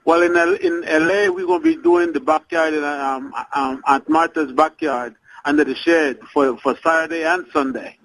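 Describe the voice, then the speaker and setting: A man's voice: on the high side, fairly even intonation, moderate pace, a bit bright, slight background noise, rough recording. A man chatting casually as a phone-in guest on live radio, informally repeating his phrases. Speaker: cafe owner calling in as guest. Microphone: phone call.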